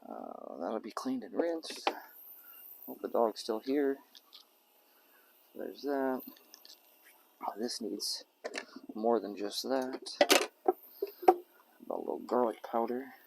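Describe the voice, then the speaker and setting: Gravelly man chatting while cooking outdoors. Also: mid-range voice, big pitch swings, slow pace, long pauses, a little mellow, slight background noise, rough recording. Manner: rambling, talks to his dog and jokes to himself. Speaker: camping vlogger. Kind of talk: casual talk to camera while cooking. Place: outdoor campsite by a truck.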